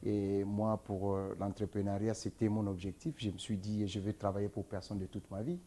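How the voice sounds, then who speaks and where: A man's voice: on the low side, little pitch movement, normal speed, dark tone. A man from the Democratic Republic of the Congo, answering interview questions as a guest, earnest and emphatic. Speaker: interview guest, entrepreneur and author.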